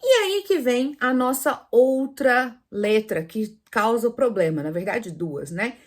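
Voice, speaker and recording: Lively woman teaching, full of questions. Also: on the high side, unhurried. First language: Portuguese. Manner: lively, asks the viewer questions, demonstrates sounds. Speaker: Spanish teacher. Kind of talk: online language lesson.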